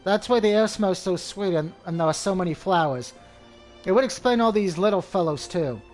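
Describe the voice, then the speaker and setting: A man's voice: high-pitched, lively intonation, normal speed, darkish tone, soft background music. A man reading the lines of a proud, self-assured young female knight in a game.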